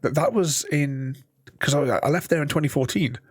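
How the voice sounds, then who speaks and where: A man giving casual game commentary and reading dialogue aloud in a halting, hesitant way. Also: on the high side, slightly rough, dry recording, clean studio sound. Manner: chuckles often. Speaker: game streamer.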